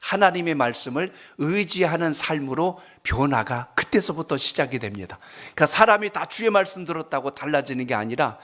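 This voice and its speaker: A man's voice: on the high side, expressive, fairly quick, hardly any pauses, a bit bright. A male pastor preaching a sermon at a prayer service, telling stories and asking the congregation questions. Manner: conversational storytelling, asks the congregation questions.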